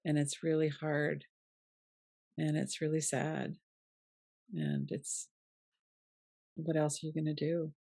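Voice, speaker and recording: A man hosting an interview, speaking in a calm, affirming and reflective way. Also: fairly high pitch, slow, creaky, long pauses, no room sound, studio quality. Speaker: interview host. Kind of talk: supportive interview conversation.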